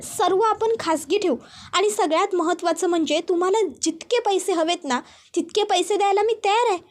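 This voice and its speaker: A woman's voice: very high-pitched, a little fast, pitched above the performer's own voice. A woman voicing an anxious young man who urgently pleads and reassures in a retold serial story. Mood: pressing. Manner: urgent, coaxing, repeats pleas.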